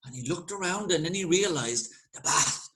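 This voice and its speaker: Lively Irish male storyteller. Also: sits high, rough recording. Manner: lively, conversational, dramatic pauses. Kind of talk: spoken folk tale narration.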